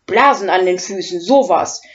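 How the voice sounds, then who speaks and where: A woman voicing a big, hungry, grumpy male dragon who booms and smacks his lips, in a storybook reading. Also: animated, normal speed, highs cut off, slight background noise, lightly acted. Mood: gruff, booming.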